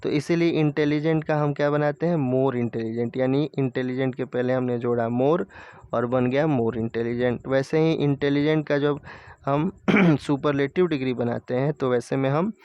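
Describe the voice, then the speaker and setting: Patient male grammar teacher, smooth voice. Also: fairly high pitch, moderate pace, a little mellow, no echo, muffled recording. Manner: patient, repeats key points. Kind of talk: explaining lesson in Hindi.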